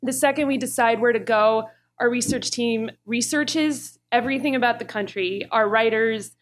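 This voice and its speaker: Woman panelist, fairly high voice, chatty with lots of laughs. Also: normal speed. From Los Angeles area, US. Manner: chatty, laughs often, many fillers. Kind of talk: panel discussion.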